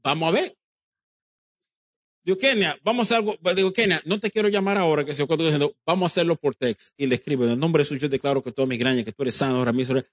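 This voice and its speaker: A man's voice: fairly high pitch, quick pace, fairly bright tone, no echo. Emphatic preacher man with a dry sound. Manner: emphatic preaching, addresses the congregation directly, acts out quoted dialogue; drops English phrases into Spanish. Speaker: pastor. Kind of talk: sermon.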